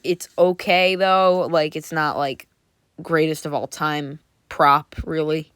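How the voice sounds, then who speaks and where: A woman's voice: low-pitched, level tone, takes it slowly, fairly bright tone, smooth, dry recording, clean studio sound. A woman casually reviewing Halloween props, chatty and enthusiastic with lots of fillers. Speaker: prop reviewer.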